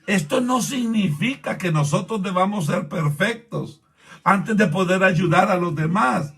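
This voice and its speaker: A man preaching a sermon as a pastor, impassioned and rising to shouts, repeatedly urging his listeners to pay attention. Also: sits high, animated, unhurried, creaky, breathy edge.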